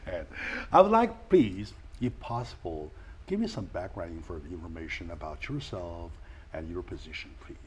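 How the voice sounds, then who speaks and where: A man hosting an interview show, speaking in a halting way with many fillers and restarts. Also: low voice, big pitch swings, slight background noise. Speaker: talk show host. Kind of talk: casual interview.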